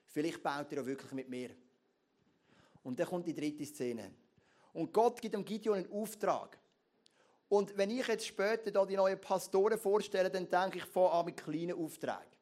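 A man with a Swiss German accent preaching a sermon, retelling scripture with lively acted-out dialogue. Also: high voice, moderate pace. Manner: animated storytelling, acting out biblical dialogue. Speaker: pastor.

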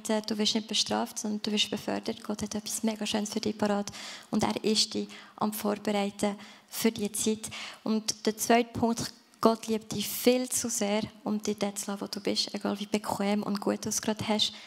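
A woman's voice: medium pitch, gravelly. A woman giving an earnest sermon in a church service, speaking directly to the listener and ending in prayer. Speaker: preacher.

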